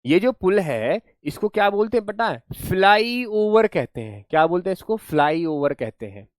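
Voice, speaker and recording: A man's voice: sits high, big pitch swings, moderate pace, no echo, studio quality. A man teaching an online class, explaining words playfully, repeating his questions and praising his students.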